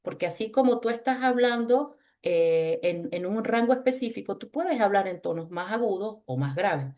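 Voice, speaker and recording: A woman with a low, chest-resonant voice, leading a webinar on voice in a lively, teasing, conversational way over a video call. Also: moderate pace. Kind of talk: webinar talk with exercises.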